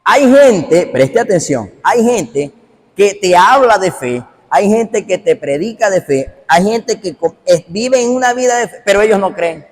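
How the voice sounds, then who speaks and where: A man's voice: sits high, expressive, a little slow. A man, a pastor, preaching a sermon emphatically and repetitively, calling straight out to his listeners. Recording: long hall reverb.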